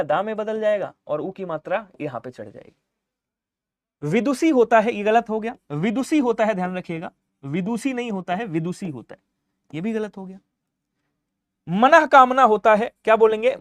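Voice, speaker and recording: A male Hindi teacher giving an exam-prep lesson, quizzing students with repeated questions and trailing off softly at the end of each point. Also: high-pitched, no echo, studio quality.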